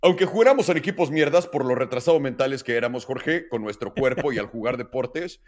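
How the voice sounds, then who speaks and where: A man's voice: medium pitch, a little fast. A man in his late thirties with a Mexican accent, co-hosting a casual podcast chat and telling stories full of slang and swearing. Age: late 30s. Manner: animated, swearing slangy storyteller. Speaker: podcast co-host.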